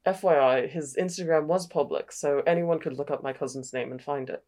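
A low, deep-set voice of a woman playing a young man telling his own story. The accent is put on for comedy, loosely Australian and sliding toward northern English. It is read aloud like a confession post. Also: brisk, a little mellow, natural voice. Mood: earnest retelling. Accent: put-on, loosely Australian drifting northern English.

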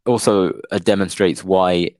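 Deep-voiced young male co-host, thoughtful and hesitant, close dry mic. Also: unhurried, no room sound. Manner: calm, reflective, hesitant with fillers. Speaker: podcast co-host. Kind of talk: casual podcast chat.

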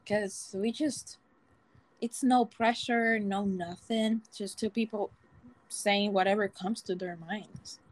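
A woman's voice: medium pitch, fairly even intonation, slow pace, no echo. A woman co-hosting a casual podcast chat, reacting in a bubbly, effusive way. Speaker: podcast co-host.

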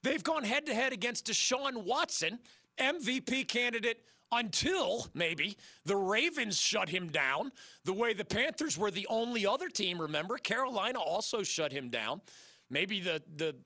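A middle-aged man hosting a sports talk radio show, emphatic and energetic, with a voice worn from losing it. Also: sits high, dry recording. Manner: energetic, emphatic, quick asides. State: losing his voice.

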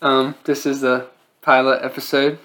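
A young man with a mid-pitched voice co-hosts a casual podcast. He talks in a playful, jokey way into a microphone in an attic. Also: little pitch movement, normal speed, a bit bright. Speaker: podcast co-host.

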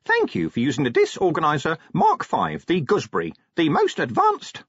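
A chirpy, eager little imp, put on by a man in a high, bouncing voice with a slightly husky grain. It stays cheerfully polite no matter what, and the sound is dry and a little dull. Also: huge pitch swings, normal speed, fairly bright tone, no room sound, full character voice. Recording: dull dry studio recording.

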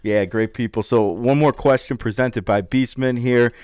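A man's voice: medium pitch, fairly even intonation, moderate pace, a little mellow, clean tone, no echo. A man hosting a podcast in a casual interview, easygoing and affirming, reading sponsor plugs. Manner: easygoing, affirming, lots of "yeah". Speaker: podcast host.

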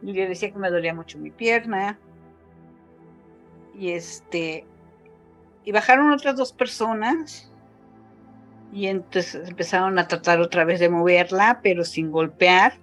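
A woman's voice: lowish voice, unhurried, pauses often, a bit bright, soft background music. Mexican woman retelling a survival story. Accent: Mexican Spanish. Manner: emotional retelling, voice rising when quoting others, frequent fillers. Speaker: guest. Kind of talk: personal testimony in a casual interview.

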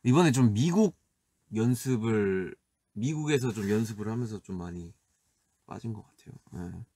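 Soft-spoken man hosting a live stream. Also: lowish voice, expressive, normal speed. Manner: soft-spoken, laid-back, often laughing. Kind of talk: casual live stream chat, answering viewer comments.

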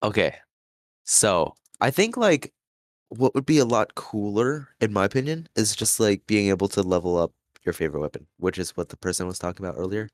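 A man's voice: lowish voice, lively intonation, brisk, no room sound, clean studio sound. A man co-hosting a casual game chat, enthusiastic and filler-heavy. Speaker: podcast co-host.

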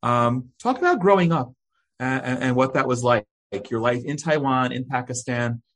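A man hosting an interview show, speaking with halting starts, frequent ums and repeated words. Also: mid-range voice, lively intonation. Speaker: host. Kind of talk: hosted interview.

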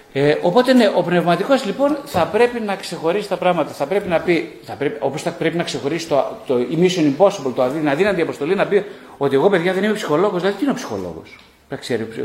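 A middle-aged man, a psychologist and author, giving a live talk to an audience, repeating short phrases and asking rhetorical questions. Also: fairly high pitch. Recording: echoey room.

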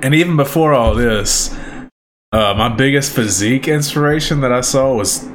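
A man's voice: medium pitch, moderate pace, a little hiss or hum. A young man co-hosting a podcast, rambling casually and saying "bro" a lot. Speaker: podcast co-host. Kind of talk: casual chat.

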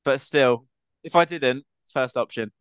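A man's voice: medium pitch, unhurried, fairly bright tone, clear, resonant tone, dry recording. A young man guesting on a podcast, bantering playfully and joking around. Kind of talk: casual chat.

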